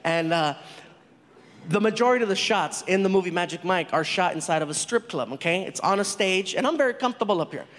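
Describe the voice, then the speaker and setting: A male comedian telling a stand-up story on stage in a large venue, animated and quick to laugh. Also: high voice. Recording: long reverb of a big hall.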